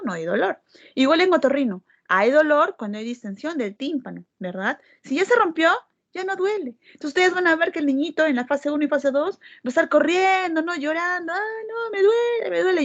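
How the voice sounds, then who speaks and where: A woman doctor teaching a class, explaining step by step and checking in with frequent tag questions. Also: high-pitched. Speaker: medical lecturer. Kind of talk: classroom lecture. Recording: dull lo-fi recording.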